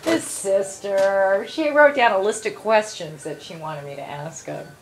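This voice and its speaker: A middle-aged woman chatting gently and reassuringly, like a mother looking after her child. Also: medium pitch, a little slow, faint music behind, rough recording. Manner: gentle, reassuring, uses endearments. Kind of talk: casual chat. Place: small dental clinic room.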